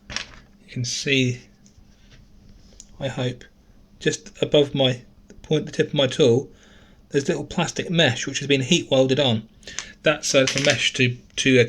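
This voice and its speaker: A man talks through a gadget teardown in a relaxed, chatty way. He thinks out loud and corrects himself mid-sentence. His voice is caught by a camera microphone at a desk indoors. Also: mid-range voice, slight background noise. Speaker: gadget reviewer. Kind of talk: casual teardown tutorial.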